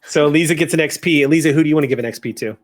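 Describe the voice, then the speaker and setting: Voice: mid-range voice, rapid-fire. A game master chatting casually while wrapping up a tabletop game session.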